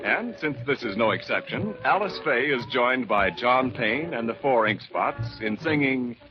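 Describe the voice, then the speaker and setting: A man's voice: mid-range voice, animated, unhurried, lo-fi sound, over music. Man announcing on an old 1940s radio recording. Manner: polished announcer delivery. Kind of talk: scripted promotional narration.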